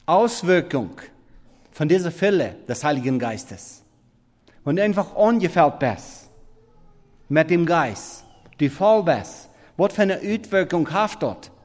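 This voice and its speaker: A man preaching a sermon in halting, non-standard German, swinging between loud emphatic scripture reading and quiet murmured asides. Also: on the high side, very animated. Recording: long reverb of a big hall.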